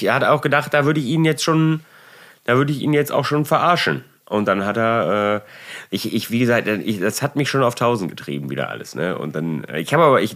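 Exasperated man telling a story. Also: mid-range voice. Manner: animated, exasperated, frequent "ne?" tags and restarts. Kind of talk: casual chat, storytelling.

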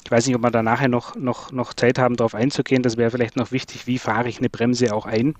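A man talks through trailer brake technology in a relaxed podcast conversation. He explains things at length, often repeating words and filling pauses with "ähm". The recording is close and dry, with no room sound. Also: medium pitch, dry recording. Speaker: trailer brake expert guest.

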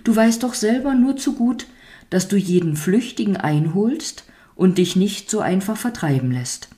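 A woman reading a storybook aloud, voicing a small, curious old woman who speaks gently and with understanding. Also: medium pitch, expressive, a little slow, voice pushed up, lightly acted. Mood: gentle.

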